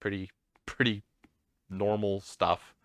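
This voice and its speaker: A man with a lowish, smooth, resonant voice chats casually while teaching a board game, often joking at his own expense. The sound is close and dry, with no room echo. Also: level tone, slow, a bit bright. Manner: explains rules, self-deprecating. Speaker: host.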